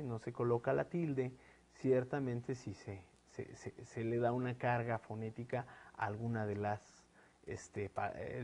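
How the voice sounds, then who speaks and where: Un hombre con acento mexicano que da una clase grabada de gramática, explicando paso a paso con muletillas como "eh" y "este" y preguntas como "¿no?". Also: male voice, mid-range voice, a little mellow. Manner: explanatory, with frequent fillers "eh" and "este" and tag "¿no?". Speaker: teacher. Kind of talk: recorded online lesson.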